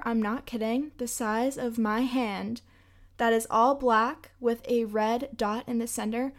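A woman's voice: fairly high pitch, darkish tone. A young woman hosting a podcast and telling a travel story in a chatty, emphatic way. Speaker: podcast host. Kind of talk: casual storytelling.

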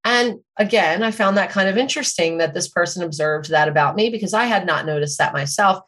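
Middle-aged woman, lowish voice, thoughtful podcast host musing out loud. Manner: measured, thoughtful, self-questioning. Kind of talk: reflective personal storytelling.

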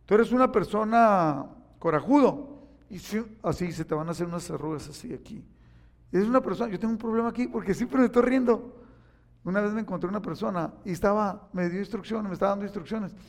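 A preacher speaks high-pitched and fairly quick, bringing his sermon's stories to life and dramatizing the quotes. The recording has an echoey hall reverb.

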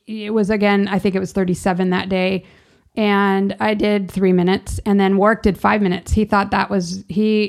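Casting: female vlogger, noticeably gravelly fry, mid-pitched, casual and rambling, talks as if thinking aloud. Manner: chatty, rambling, self-interrupting. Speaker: vlogger sharing personal experience. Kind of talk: casual informal monologue.

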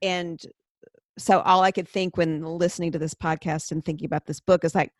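Low-voiced woman telling a story. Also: steady tone, brisk, no echo. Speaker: podcast co-host. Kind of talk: casual chat.

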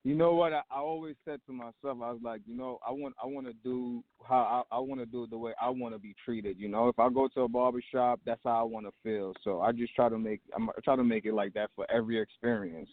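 A man's voice: medium pitch, fast talker, few pauses, no echo. A man from Trinidad who owns a barbershop, chatting casually as a guest and rambling with lots of fillers. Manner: relaxed, rambling with many fillers. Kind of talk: casual interview chat. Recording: dry tinny phone line.

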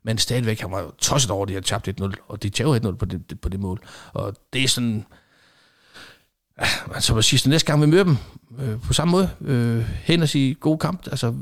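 A middle-aged man, a former football referee, telling lively anecdotes in conversation and acting out what people said. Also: medium pitch. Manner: animated storyteller acting out quoted exchanges.

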